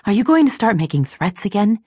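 A woman's voice: medium pitch, very animated, brisk, breathy edge, no echo, clean studio sound, voice pushed up. A woman voicing a determined woman doctor who speaks in a commanding way. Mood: firm. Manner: forceful, commanding.

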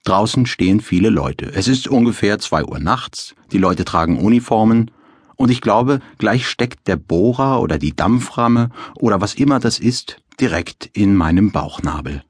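A man's voice: lowish voice, expressive, moderate pace, husky, no echo. A man reading his own novel as an audiobook in a dry, wry first-person style. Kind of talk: audiobook narration.

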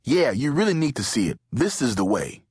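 A man voicing a calm, curious twelve-year-old boy who speaks eager and steady. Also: mid-range voice, a little fast, slightly rough, no room sound, studio quality, pitched above the performer's own voice.

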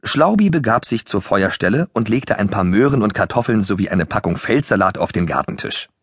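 Male children's audiobook narrator, lively and animated, dry close mic. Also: lowish voice, fairly quick, husky, dry recording. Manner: lively storytelling, voicing the characters.

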